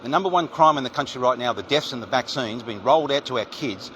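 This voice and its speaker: Brief: Australian man pulled over, quick and argumentative, street traffic noise. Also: mid-range voice, fairly bright tone, muffled recording. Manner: rambling, argumentative, repeats mate. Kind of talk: roadside argument with police. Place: roadside in a vehicle.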